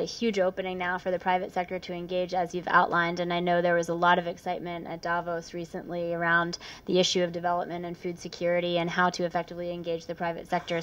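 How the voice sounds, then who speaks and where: A woman chairing a conference session, thanking and introducing speakers. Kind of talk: moderating a conference panel. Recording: noisy recording with low rumble.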